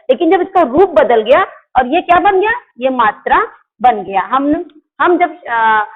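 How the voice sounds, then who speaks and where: High-voiced woman teaching Hindi grammar. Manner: asks the class questions and answers them herself; corrects herself with "sorry". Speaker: school teacher. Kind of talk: online Hindi grammar class. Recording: tinny phone-like audio.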